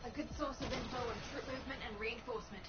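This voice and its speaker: A woman voicing a gruff game mission handler. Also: on the high side, steady tone, quick pace, very noisy, natural voice. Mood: commanding. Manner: commanding, slangy, terse. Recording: dull game audio over loud music.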